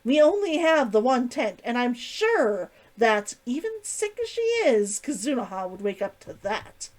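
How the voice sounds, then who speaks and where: A woman's voice: a little high, big pitch swings, unhurried, darkish tone. A woman voicing an irritable, hostile companion who growls objections in a story reading. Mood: flustered, indignant. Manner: growling, indignant. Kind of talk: acted dialogue in a story reading.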